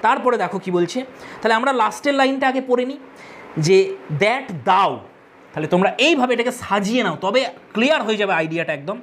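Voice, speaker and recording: A woman's voice: fairly high pitch, lively intonation, fast talker. A woman teacher explaining a poem line by line, addressing her students directly and repeating key terms. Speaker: English literature teacher.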